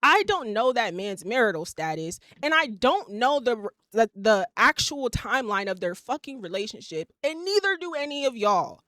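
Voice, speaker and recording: A woman's voice: on the high side, big pitch swings, moderate pace, few pauses, a bit bright, no room sound, clean studio sound. A woman, hosting a podcast and ranting bluntly with plenty of swearing. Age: 20s. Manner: blunt, profane, emphatic ranting. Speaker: podcast host. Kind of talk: casual opinion monologue.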